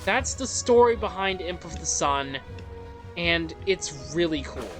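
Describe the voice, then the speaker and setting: A woman hosts a let's play in a lowish, expressive voice at a measured pace. Against game music, she tells the game's story dramatically, storyteller-style, slipping in interjections and commentary of her own.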